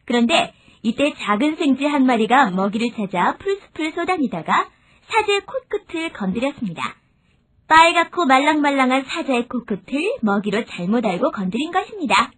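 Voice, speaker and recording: Bright-voiced woman narrating fables. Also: sits high, sing-song, normal speed. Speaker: storyteller.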